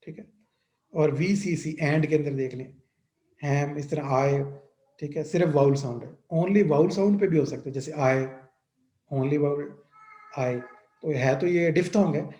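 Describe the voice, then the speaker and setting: A man's voice: on the high side, unhurried, warm tone, echoey room. A man teaching linguistics. He explains each point step by step, often stops to check that the listener follows, and reads terms. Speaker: linguistics lecturer. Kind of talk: explanatory lecture mixing Hindi-Urdu and English.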